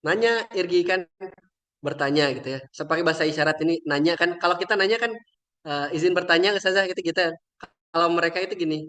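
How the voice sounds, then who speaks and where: A man's voice: a little high, fairly even intonation, rapid-fire, sharp tone. A young man, a religious teacher, sharing a moving story in a casual, chatty way with many trailing fillers. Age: young adult. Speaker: religious teacher and invited speaker. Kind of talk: casual heartfelt storytelling talk.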